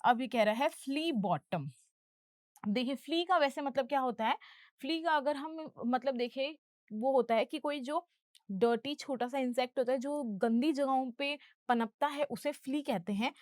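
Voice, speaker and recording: A woman's voice: high-pitched, moderate pace, darkish tone, no echo, studio quality. Patient woman teaching English. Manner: patient, explains terms step by step. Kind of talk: explaining film dialogue in a lesson.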